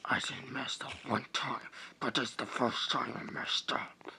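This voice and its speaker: A man voicing a bitter, armed young man who talks low and half-whispered. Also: expressive, slow, creaky, a bit bright, slight background noise, heavily acted, poor audio.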